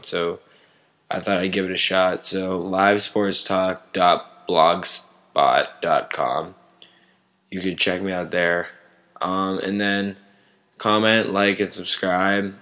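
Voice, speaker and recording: Low-pitched man, slow pace, halting delivery, casual sports vlog commentary. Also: fairly bright tone. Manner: halting, searching for words.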